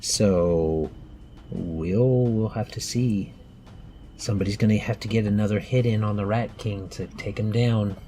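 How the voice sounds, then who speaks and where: A man in his thirties acts as game master for a child, patiently walking through a tabletop game's rules with plenty of fillers. His voice is lowish and mellow, his pace measured, with slight background noise.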